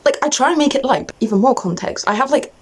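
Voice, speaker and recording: A woman's voice: high voice, animated, quick pace, breathy edge. A young adult woman in an agitated, exasperated rant to camera, venting off the cuff in a casual way and often cutting herself off. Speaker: vlogger.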